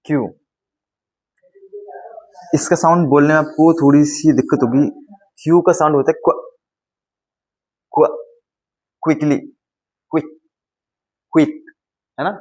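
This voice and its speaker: A young man, an English teacher giving a phonics lesson, saying each sound slowly and repeating it several times. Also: medium pitch, darkish tone, low-quality recording.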